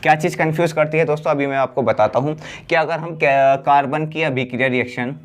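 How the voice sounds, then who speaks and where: A man teaching a class chemistry lesson. He asks the class questions and answers them himself, drawing out the key words slowly. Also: a little high. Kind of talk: blackboard lesson.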